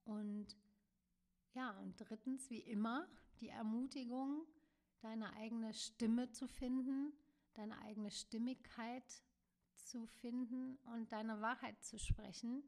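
A woman hosting her own podcast, talking alone in a gentle, searching way with many small fillers and soft, trailing phrases. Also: a little high, steady tone, slow pace. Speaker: podcast host. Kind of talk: reflective solo podcast monologue.

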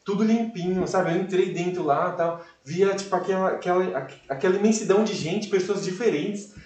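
A young man tells his story as a podcast guest, animated and full of fillers. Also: high-pitched, brisk. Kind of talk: casual testimony storytelling. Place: live event room. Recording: echoey room, voice far from mic.

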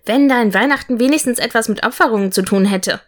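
A woman's voice: fairly high pitch, fast talker, close to an everyday voice. A woman voicing a grumpy sarcastic owl. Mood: grumbling. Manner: snide, grumbling.

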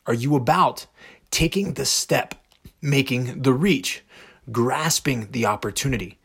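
A man's voice: medium pitch, gravelly, fairly bright tone, slightly rough. A man hosting a motivational podcast monologue, speaking directly and emphatically with rhetorical questions. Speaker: podcast host.

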